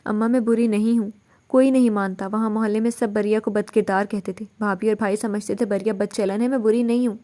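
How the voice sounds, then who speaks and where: A woman's voice: medium pitch, steady tone, dark tone, lightly acted. A woman reading as a distraught young wife. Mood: tearful. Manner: pleading, insistent.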